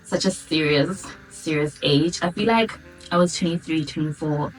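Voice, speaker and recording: A 28-year-old South African woman from Durban chats informally with viewers in a casual question-and-answer vlog to camera, using a girl-talk style of address. Her voice sits low at normal speed, picked up by a distant mic with background music.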